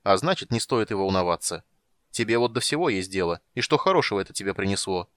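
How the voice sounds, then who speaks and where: A man's voice: on the low side, lively intonation, fast talker, fairly bright tone, no echo, studio quality. A man playing a grumpy reclusive mage. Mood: dismissive. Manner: drawling, grumbling and dismissive. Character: reclusive male mage, dismissive and irritable. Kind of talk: audiobook character voice.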